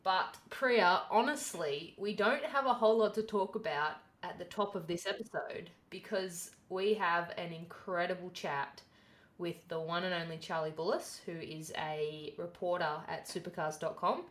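A woman's voice: fairly low pitch, roomy sound. Aussie lady hosting a podcast, chatty and upbeat, casual. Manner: chatty, upbeat, quick asides. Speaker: podcast co-host.

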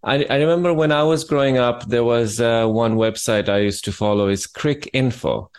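A man's voice: mid-range voice, normal speed, smooth. A man from Bangladesh, co-hosting an interview in a reflective, hesitant way. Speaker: co-host. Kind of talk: casual interview.

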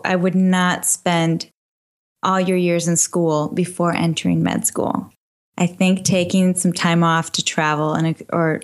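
Woman physician guest, lowish voice, casual and patient, slows down to teach phrases. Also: darkish tone. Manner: teaching phrases slowly with frequent laughs. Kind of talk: casual interview answers.

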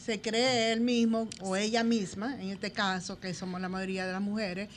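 A woman specialist explains in a mid-pitched, conversational voice, talking straight to the listener. Faint background noise sits under the radio recording. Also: flat delivery, moderate pace. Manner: explanatory, addresses listener directly. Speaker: behavior specialist guest.

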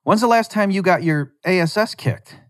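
A man's voice: high-pitched, moderate pace, dry recording, clean studio sound, pitched above the performer's own voice, close to an everyday voice. A man voicing a wiry teenage boy bully who mocks and needles in a fake-innocent way. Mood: taunting. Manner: mocking, needling, faux-innocent.

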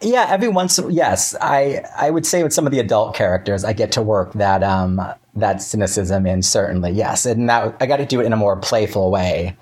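This writer, a man being interviewed, has a lowish voice with a darkish tone. He speaks casually and haltingly with wry humor, cutting himself off and performing little asides.

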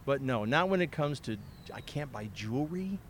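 A man's voice: mid-range voice, expressive, moderate pace, a little hiss or hum. A man podcast co-host chatting outdoors in a city park, joking and self-deprecating. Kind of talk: casual chat outdoors.

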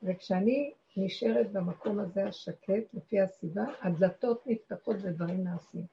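A woman's voice: mid-range voice, creaky, dark tone. A woman teaching a women's spiritual class, earnest and encouraging. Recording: dull recording with faint background noise.

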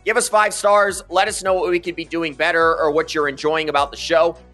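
A man's voice: fairly high pitch, little pitch movement, a little fast, a bit bright, faint music behind. A man co-hosting a college football podcast, running the segments with upbeat quips. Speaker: podcast co-host. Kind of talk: sports podcast chat.

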